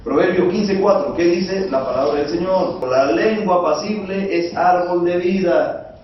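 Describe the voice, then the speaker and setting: A man's voice: sits high, a little slow, slight background noise. A male preacher, giving a conversational sermon and asking the congregation rhetorical questions. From Bolivia. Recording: echoey, dull sound from far off.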